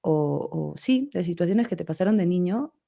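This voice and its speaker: A woman's voice: fairly low pitch, lively intonation, normal speed, gravelly, warm tone. A young woman co-hosting a podcast, talking casually and hesitantly, searching for words and often adding "right?". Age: young adult. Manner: hesitant, searching for words, frequent tag questions. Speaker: podcast co-host, art teacher. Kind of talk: casual conversation.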